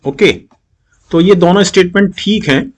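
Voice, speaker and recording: Indian man teaching English grammar, slightly high voice. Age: middle-aged. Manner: mixes Hindi and English, reads English sentences slowly and deliberately. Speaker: exam-prep English teacher. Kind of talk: explaining grammar questions in a video lesson.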